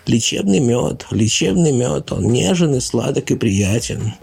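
A man voicing a sly, boastful young male ghost who whines and pleads, in a gravelly voice. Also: medium pitch, sing-song, a little slow, a little mellow, pitched above the performer's own voice, heavily acted. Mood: whining.

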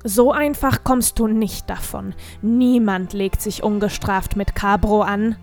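A woman's voice: medium pitch, steady tone, a little slow, a little mellow, faint music behind, lightly acted. A woman voicing a mocking, vengeful male goat demon in an audiobook, with a taunting, gloating manner. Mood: threatening.

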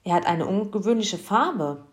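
A woman doing a brisk practical mum. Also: medium pitch, natural voice. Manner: brisk, energetic. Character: firm, practical mother.

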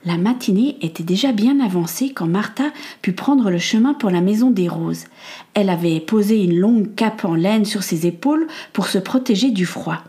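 Woman, audiobook narration, even clear storytelling. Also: medium pitch, normal speed.

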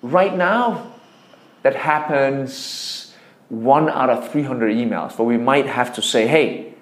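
A Danish startup founder with a mid-range voice speaks slowly in an interview, explaining things emphatically and through examples. His Danish accent is clear, and the room sounds echoey.

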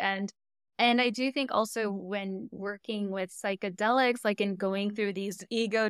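In a clean, studio-quality recording with no room sound, a woman from the United States hosts a podcast at a medium, slightly bright pitch. She chats casually with her guest, reflective and easygoing, often using fillers and laughing lightly.

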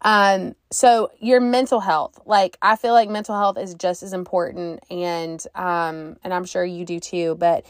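Woman podcast host, casual and animated, slight cough, dry close sound. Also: fairly low pitch, measured pace, few pauses, no echo. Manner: chatty, animated, acts out quotes. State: recovering from a cough.

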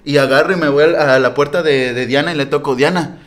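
Young Mexican man, slightly high voice, casual storyteller, lots of slang. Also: quick pace. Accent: Mexican Spanish. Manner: slangy, animated, laughing retelling. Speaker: storyteller in a group podcast.

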